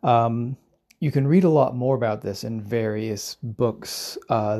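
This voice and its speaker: A man talks as a solo podcast host, explaining in an informal lecturing way. His voice sits fairly low, with plenty of fry and a dark, relaxed tone.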